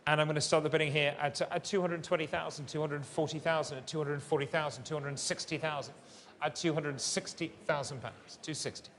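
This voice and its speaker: A man's voice: a little high, steady tone, a little fast, a bit bright. A man working as a fine art auctioneer, calling and repeating bids in polished, courteous patter in a large saleroom. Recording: long reverberant hall sound.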